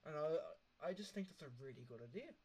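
A young man hosting a relaxed podcast chat, wandering from one story to the next and laughing along the way. His voice sits a little on the high side. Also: fairly quick, husky. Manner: rambling storyteller, laughs often. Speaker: podcast host. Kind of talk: casual chat.

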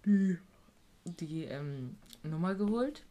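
A woman in a relaxed conversation, recounting her job in residential care. She talks bluntly and swears often. She plays every quoted exchange out loud in her own voice. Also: fairly low pitch, takes it slowly, a little hiss or hum. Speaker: guest recounting a work trip; care worker with a residential group. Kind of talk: casual storytelling chat.

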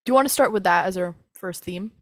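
A woman's voice: on the low side, quick pace, dry recording, studio quality. A young woman co-hosting a casual book chat, talking in a chatty, self-mocking way. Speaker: podcast co-host discussing a book.

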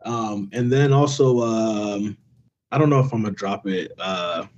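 A man who raps, chatting casually as a guest in halting, broken phrases. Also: lowish voice, darkish tone, muffled recording. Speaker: rapper, show guest. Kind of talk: casual chat.

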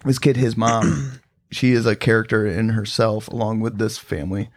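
A man's voice: fairly low pitch, steady tone, normal speed. A man telling rambling stories on a casual podcast, full of fillers and swearing. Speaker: podcast co-host. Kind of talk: casual storytelling chat.

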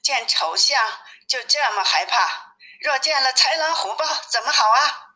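A woman voicing a calm old farm wife who gently chides in a storybook reading. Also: high voice, unhurried, voice pushed up, heavily acted, poor audio. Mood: chiding.

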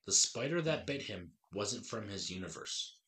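A man's voice: fairly low pitch, lively intonation, moderate pace, sharp tone. A man in his thirties hosting a casual movie review chat, talking eagerly in a rambling way with frequent restarts. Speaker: podcast host.

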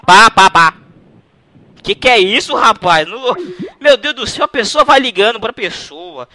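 A man's voice: high voice, animated, measured pace, pushed and bright, slight background noise. A man making a prank phone call, teasing the person on the line in a playful, mock-innocent way. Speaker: prank caller.

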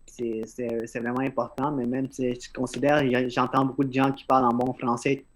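A man hosting a podcast speaks with a flat delivery at medium pitch and a fairly quick pace. His non-native-sounding French accent comes with slightly slurred articulation, and in this earnest, casual conversation he often repeats words at the start of a thought.

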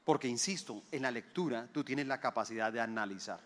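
A man's voice: medium pitch, brisk, a bit bright. A man, preaching a sermon. He talks with emphasis, repeats his phrases and asks the listeners rhetorical questions. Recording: long hall reverb.

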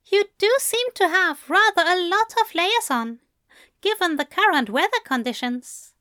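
A woman voicing a fussy, gentle male angel who speaks in a prim, courteous, old-fashioned way. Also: very high-pitched, expressive, a little slow, no room sound, clean studio sound, voice pushed up, heavily acted. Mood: adoring. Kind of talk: fan audiobook reading.

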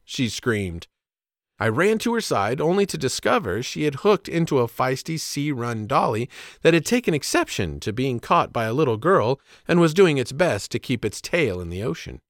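Male storyteller, plainspoken, animated intonation, dead-dry close mic. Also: mid-range voice, normal speed, no room sound. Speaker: storyteller and father. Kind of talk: scripted narration of a personal story.

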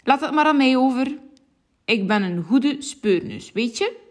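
Woman doing an excitable bumbling policeman. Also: sits high, measured pace, pitched above the performer's own voice. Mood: confident. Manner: excitable, shouting alarms. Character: eager, bumbling village policeman, male adult.

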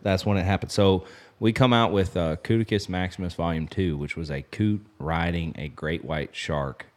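Speaking in a low-pitched, somewhat dark tone at a moderate pace, this thirty-something podcast guest co-founded an apparel business. He rambles through a story in casual conversation, loose and heavy with filler. The setting is a lodge.

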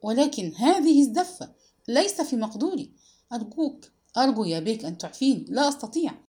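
A woman voicing a frightened, shy young bridegroom in an audiobook, pleading in a higher, louder voice. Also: expressive, quick pace, natural voice. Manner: pleading, frantic.

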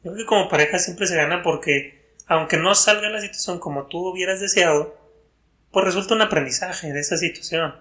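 A man talks as a guest, thinking aloud and circling back over his words. His voice sits high for a man and sounds bright. The recording has a roomy echo around him. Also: brisk. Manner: thoughtful, repeats and restarts words while thinking. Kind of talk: casual reflective chat.

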